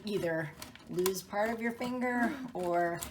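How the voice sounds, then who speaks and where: A woman giving a casual cooking demonstration in her home kitchen, explaining each step in an unhurried way with plenty of fillers. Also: mid-range voice, background noise. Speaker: home cook demonstrating a recipe.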